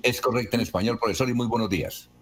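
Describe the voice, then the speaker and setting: A man's voice: mid-range voice, fast, fairly bright tone, breathy edge. A man, a radio host who reads out listeners' questions and announces the time. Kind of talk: reading listener questions on air.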